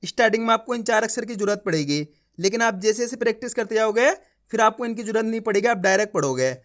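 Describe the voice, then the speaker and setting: A man's voice: sits high, expressive, quick pace, fairly bright tone. Man teaching reading, sounding out syllables. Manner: sounds out words syllable by syllable, then blends them; addresses viewers as friends, coaxing and encouraging. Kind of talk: online reading lesson.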